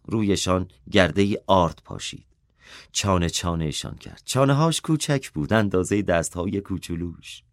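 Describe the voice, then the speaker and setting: A man reading a children's story aloud, expressive and dropping softer for the character's inner thoughts. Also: low voice, no room sound, clean studio sound.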